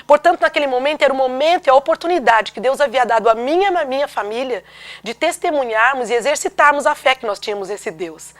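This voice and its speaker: Woman, Brazilian Portuguese accent, preached testimony, emphatic, rhetorical questions, somewhat high voice. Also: animated, fast talker.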